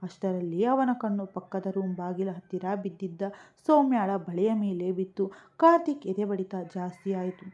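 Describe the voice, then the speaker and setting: A woman reads a romantic audio story aloud in a calm, steady storyteller's manner. Her voice is mellow and warm rather than bright. The recording sounds dull and lo-fi. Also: medium pitch, normal speed. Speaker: story narrator. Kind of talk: scripted audio story narration.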